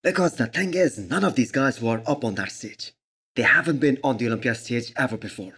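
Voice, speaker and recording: A man's voice: mid-range voice, expressive, fairly quick, fairly bright tone, slightly rough. A man giving an emphatic, opinionated sports commentary voice-over, speaking directly to viewers as host of a fitness channel.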